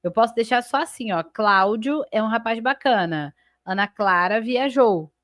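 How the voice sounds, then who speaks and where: A Brazilian woman teaches grammar in a live online class, explaining step by step and checking in often with her students. Her slightly high, a bit bright voice moves at a moderate pace, stretching and stressing key terms as she labels sentence parts. The recording is dry with clean studio sound.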